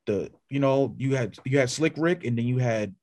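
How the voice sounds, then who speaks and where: A man's voice: mid-range voice, moderate pace. Podcast guy chatting loose, mid voice, rambles and restarts a lot. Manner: rambling, many fillers and restarts, animated when listing names. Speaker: podcast co-host. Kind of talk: casual chat.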